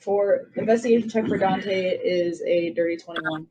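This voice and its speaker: A woman's voice: fairly low pitch, moderate pace, warm tone, husky, poor audio. A woman player in a tabletop game, chatting casually and thinking aloud about her moves. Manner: easygoing, thinks aloud while planning moves.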